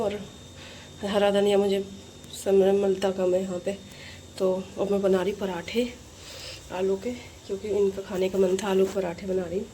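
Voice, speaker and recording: Filmed on her phone, a young vlogger rambles chattily through her home, talking while she does chores like cooking and cleaning in the kitchen and other rooms. Her voice is medium in pitch, and background noise can be heard.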